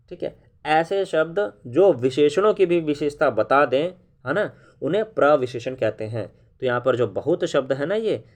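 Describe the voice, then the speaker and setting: A man teaching Hindi grammar in an online lesson. He explains slowly, repeats key terms, asks viewers questions and keeps checking that they follow. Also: fairly high pitch, a little mellow. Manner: explains slowly, with frequent "है ना" and "ठीक है" check-ins. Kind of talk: classroom-style online lesson.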